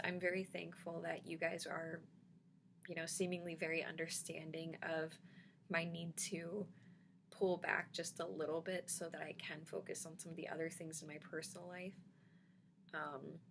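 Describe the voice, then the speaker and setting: A woman with a low, fairly bright voice chats casually in a vlog about dentures, answering viewer comments and reassuring them. She says "um" often and has a slight lisp, and there's a faint hiss or hum.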